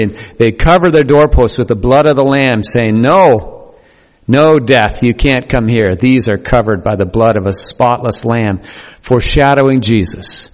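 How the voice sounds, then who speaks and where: A man preaching a sermon earnestly, with playful asides to the congregation. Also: medium pitch. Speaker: pastor. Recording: long hall reverb.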